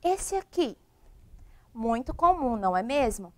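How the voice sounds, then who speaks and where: High-pitched woman teacher, super animated, keeps quizzing the kids at home. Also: a little slow, slight background noise. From Brazil. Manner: animated, asks children many questions. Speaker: primary school teacher. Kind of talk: televised remote classroom lesson.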